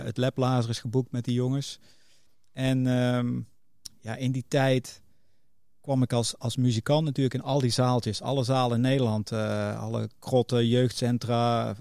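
A man's voice: medium pitch, level tone, moderate pace, vocal fry, darkish tone, no room sound, studio quality. A middle-aged man chatting casually as a podcast guest, telling anecdotes about his working life. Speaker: podcast guest, music booker.

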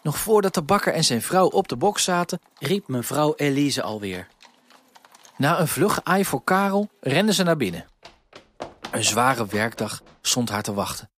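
Husky man reading a storybook. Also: mid-range voice, normal speed. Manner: gentle, expressive reading. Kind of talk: storybook read aloud.

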